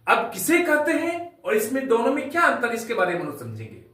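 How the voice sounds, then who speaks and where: A man teaches a classroom grammar lesson in an emphatic, repetitive way, asking questions and answering them himself. His voice sits high and swings widely in pitch. He is heard from some distance in a strongly echoing room. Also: huge pitch swings, fairly quick, pushed and bright. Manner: emphatic, repeats and asks rhetorical questions. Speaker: English teacher. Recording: very echoey room, from far off.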